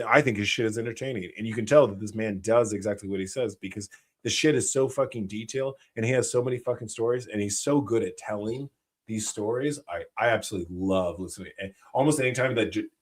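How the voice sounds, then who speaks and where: An American man hosting a live Q&A stream, talking bluntly and rambling, with heavy swearing. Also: lowish voice. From United States. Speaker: channel host, former special operations soldier.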